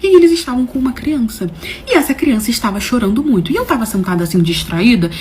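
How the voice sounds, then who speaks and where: A woman telling a personal story to her viewers, animated and dramatic, with slangy phrasing and swings between loud and soft. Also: a little high, quick pace, a little hiss or hum. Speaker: storyteller host. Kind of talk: casual storytelling to camera.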